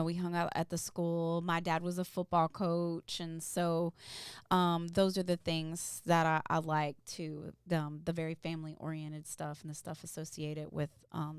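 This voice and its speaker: A woman from Kentucky co-hosting a relaxed chat, asking questions and laughing easily. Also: sits low, clean tone, no room sound, studio quality. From Louisville, Kentucky. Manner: laughs easily, asks questions, thinks aloud. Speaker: podcast co-host. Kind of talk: casual chat.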